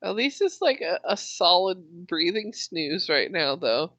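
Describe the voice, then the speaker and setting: Casual tabletop game master, bright forward tone, slowish pace, dry sound. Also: mid-range voice, big pitch swings, no echo.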